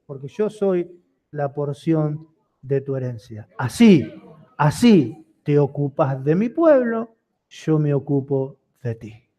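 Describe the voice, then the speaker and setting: Male preacher, high-pitched, sermon full of rhetorical questions. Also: animated, takes it slowly, warm tone. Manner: preaching with rising intensity and repeated rhetorical questions. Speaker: pastor.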